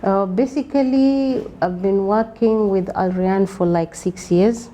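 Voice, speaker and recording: A woman's voice: mid-range voice, unhurried, warm tone, slight background noise. A Kenyan woman in her thirties, a guest on a talk show, telling her story earnestly with a few Swahili words mixed in. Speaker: guest, community organization founder.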